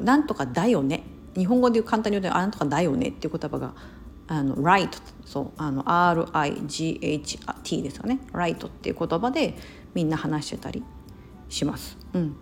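Chatty woman from Osaka, low voice. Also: a little mellow, slight background noise. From Osaka, Japan. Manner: chatty, many fillers and self-corrections. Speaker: podcast host. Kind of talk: casual solo talk.

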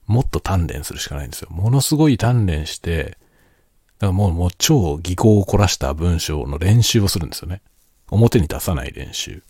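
Adult male, low voice, quiet night-time chat delivery, thoughtful explainer, dry close sound. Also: slightly rough, dry recording. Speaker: solo host of a spoken chat. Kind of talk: casual late-night chat.

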